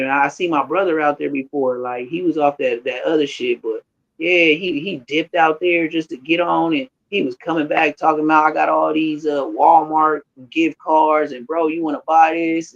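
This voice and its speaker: A man's voice: fairly high pitch, gravelly. A man in his thirties of Haitian background, rambling through a casual, slangy reaction commentary. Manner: rambling, slangy, storytelling with restarts. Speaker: streamer reacting to clips. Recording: dull lo-fi sound.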